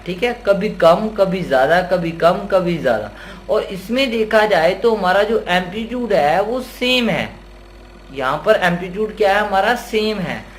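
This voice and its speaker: High-voiced male teacher quizzing his students. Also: slight background noise. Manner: repeats key terms as questions to the viewer; voices imagined student questions addressed to "sir". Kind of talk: classroom-style Hindi lecture.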